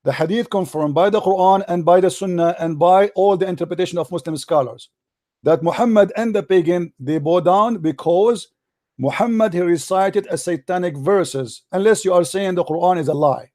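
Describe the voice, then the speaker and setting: A man hosting a heated call-in debate, combative and taunting, repeating his questions, his voice hoarse from shouting. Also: high voice, normal speed, no room sound, studio quality. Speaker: host of a live call-in debate show.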